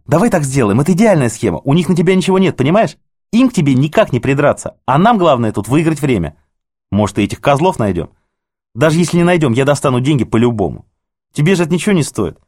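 A cornered, scheming male manager in an audiobook, his voice pushed up high and strained, as the narrator puts him on. He talks fast, wheedling and close to hysteria. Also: darkish tone, no echo. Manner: wheedling, then shrill and threatening. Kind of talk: audiobook character voice.

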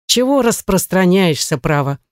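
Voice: medium pitch, lively intonation, normal speed, clear, resonant tone, no echo, clean studio sound, natural voice. A reader voicing a curt, commanding middle-aged male butler in an audiobook, speaking brusquely to servants. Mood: impatient. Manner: brusque, impatient. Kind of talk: audiobook character reading.

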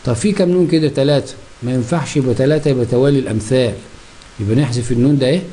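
A man's voice: medium pitch, racing, mellow. A man with an Egyptian Arabic accent teaching a grammar lesson, who keeps asking himself questions and answering them.

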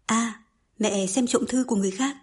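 A woman's voice: on the high side, moderate pace, husky. Woman reading as a defiant schoolgirl. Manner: sharp, stubborn. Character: defiant teenage schoolgirl daughter.

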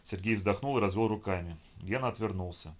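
A man narrates an audiobook in a steady, measured way. His voice sits on the low side. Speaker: audiobook reader.

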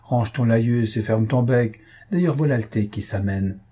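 A man's voice: medium pitch, normal speed, warm tone, breathy edge, close to an everyday voice. A man doing a scornful cocky student. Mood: mocking. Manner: scornful, brash. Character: mocking, cocky young male student host.

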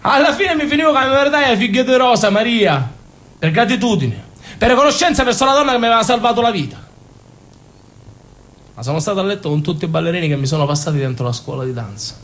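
In a theatrical monologue with a Sicilian accent, a male stage actor portrays a passionate, naive young Sicilian man baring his soul. He speaks fast in a high-pitched, expressive, fairly bright voice, and the mood is one of wistful remembrance.

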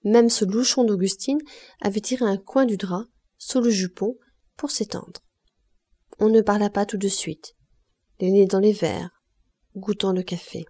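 A woman narrating a classic novel as an audiobook with a warm, mellow voice. Her reading is measured and expressive, at a middle pitch. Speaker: audiobook reader.

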